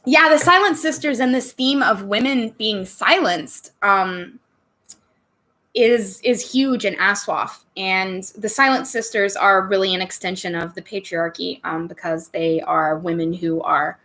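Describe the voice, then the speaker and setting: A woman's voice: mid-range voice, unhurried, pushed and bright. A woman hosting a casual livestream, chatting with viewers and answering their questions with frequent laughter while sipping wine. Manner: giggly, chatty, laughs often between answers; sips wine on stream and jokes about getting tipsy. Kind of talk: casual live chat.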